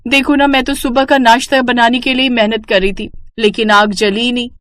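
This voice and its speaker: Young daughter-in-law, naive and melodramatic, higher pleading voice, voiced by a woman. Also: flat delivery, a little fast, a bit bright, no room sound, natural voice.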